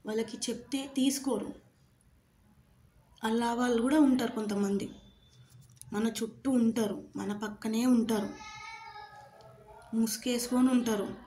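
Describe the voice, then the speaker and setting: A woman's voice: on the high side, fairly even intonation, unhurried, long pauses, dark tone, slight background noise. Earnest woman giving a motivational talk. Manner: earnest, rhetorical questions, mixes English phrases. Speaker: motivational speaker.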